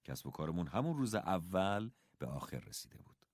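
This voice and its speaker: A man narrating a first-person story as an audiobook, with expressive storytelling. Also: deep voice, no echo, clean studio sound.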